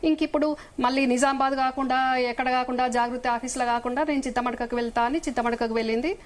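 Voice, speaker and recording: Fast, high-voiced accusing Telangana woman. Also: fairly even intonation. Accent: Telangana Telugu. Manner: emphatic, accusing, rapid rhetorical questions. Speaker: debate guest. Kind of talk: heated live TV debate.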